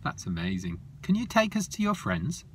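A man voicing a curious, excitable woman who sounds eager and wonder-struck. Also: mid-range voice, moderate pace, slight background noise, pitched above the performer's own voice.

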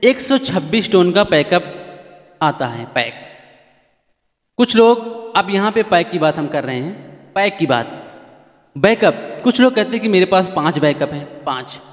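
A man's voice: high-pitched, big pitch swings, normal speed, long reverb tail. A man hosting a casual how-to keyboard tutorial, chatty and repetitive, often asking viewers to keep watching. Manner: chatty, repeats points, pleads with viewers.

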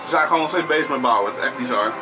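A man's voice: medium pitch, racing, heavy background noise. A man vlogging casually and giving informal, opinionated commentary while walking around outdoors.

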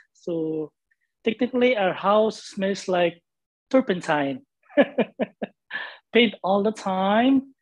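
A Filipino painter in his forties, speaking with a Filipino accent, chats casually as an interview guest over a video call from his home studio. He's relaxed and rambling, laughing often and using plenty of fillers. His voice sits high, and the webcam audio is poor, though without echo.

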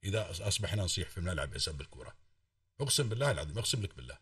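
A man's voice: sits low, big pitch swings, rapid-fire, fairly bright tone, no room sound, clean studio sound, far from the mic. A man with an Emirati accent calling in to a radio talk show, lecturing fervently and swearing oaths to stress his points. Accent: Emirati Arabic. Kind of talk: impassioned call-in talk.

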